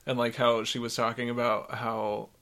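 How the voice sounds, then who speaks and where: A man's voice: mid-range voice, little pitch movement, moderate pace, fairly bright tone, slight background noise. A man speaking as a podcast guest in a home spare bedroom, easygoing and hesitant, laughing often. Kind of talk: casual podcast chat.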